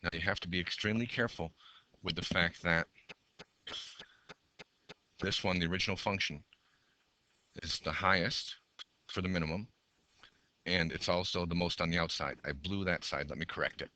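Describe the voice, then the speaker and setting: A man's voice: deep voice, fairly even intonation, normal speed, long pauses, pushed and bright. A male math teacher who is losing his voice, talking through graph sketches step by step and counting aloud. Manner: talks through each step while drawing, counts aloud.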